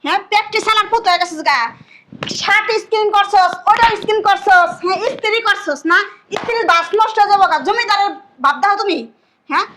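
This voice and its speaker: A scolding older mother, acted by a woman, her voice very high and bright. She rattles off rapid dialect at her son. The tone stays sharp and tense throughout. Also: slight background noise. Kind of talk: family drama acting.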